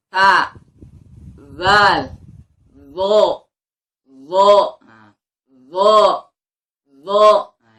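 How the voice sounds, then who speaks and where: A woman teaching Quran reading, patiently drilling letter sounds and reciting verses slowly and drawn out. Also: on the low side, a bit bright. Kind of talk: teaching letter pronunciation to learners.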